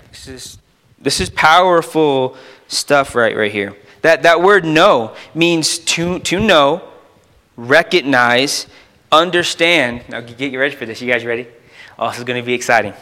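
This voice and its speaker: Preaching an informal sermon, a youth pastor with a bright, forceful, rather high voice quotes scripture and expounds on it. He speaks emphatically, repeats phrases, and tosses conversational asides to his listeners.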